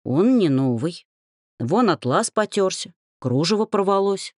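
A woman's voice: fairly low pitch, animated, unhurried, darkish tone, no room sound, studio quality, pitched above the performer's own voice. A woman voicing a weary young heroine who grumbles wry remarks.

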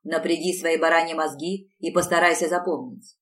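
A coarse, bullying man who snarls threats and barks orders, voiced by a woman reading a story aloud. The voice sits low, and the mic is set back from the reader. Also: fairly even intonation, moderate pace, natural voice. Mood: menacing. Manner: menacing, barking orders. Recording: distant mic.

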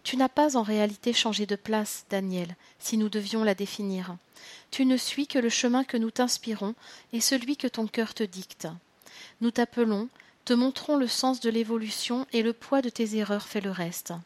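Brief: calm otherworldly guide, hushed and preaching, a woman reading it. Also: a little high, moderate pace, dry recording, natural voice. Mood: solemn. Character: calm spirit guide, gentle and solemn. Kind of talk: storybook reading.

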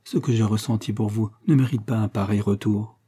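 A man voicing a passionate, heartbroken young suitor who implores with feeling, in a dark husky voice. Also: lowish voice, steady tone, fairly quick. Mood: passionate imploring.

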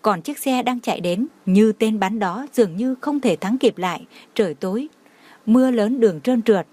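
A woman narrating an emotional audio story in a steady, dramatic reading manner. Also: a little high, normal speed, no room sound.

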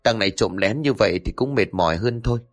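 A man's voice: lowish voice, fast, lightly acted. A man voicing a hesitant young mother who stammers and pleads. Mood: anxious.

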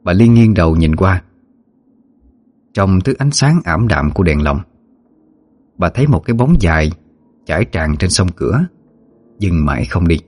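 A man narrating a ghost story in a steady, measured way. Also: sits low, dry recording. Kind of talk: scripted horror story narration.

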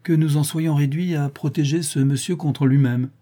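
Man voicing a wry sergeant, raised pitch, husky. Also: fairly even intonation, normal speed, dark tone, natural voice. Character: dry male police sergeant, wry.

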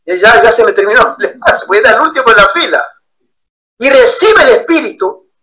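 Bright, high-voiced male preacher. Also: fairly quick, low-quality recording. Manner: animated storyteller acting out quoted voices. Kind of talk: sermon-style Bible study with storytelling.

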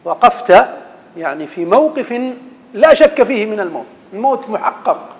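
A man's voice: sits high, big pitch swings, moderate pace, big-room sound, rough recording. A man teaching an Arabic grammar lesson, quizzing his students and reciting verse. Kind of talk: classroom lesson.

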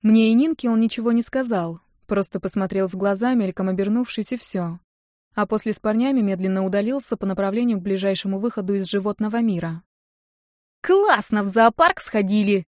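A woman narrating a first-person audiobook in a calm, even storytelling manner. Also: medium pitch, fast, no room sound, studio quality.

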